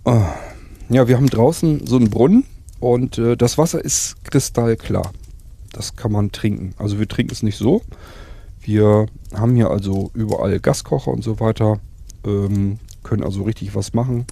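A man's voice: lowish voice, moderate pace, gravelly, warm tone, husky. A man chatting enthusiastically in a rambling way, with many fillers, in an in-character survival role-play.

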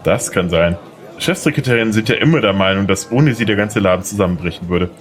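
In a German audio drama, a man plays a polite, slightly unsure, charming young lawyer. His voice sits on the low side and moves fast, with only light acting. The dialogue comes across friendly and charming.

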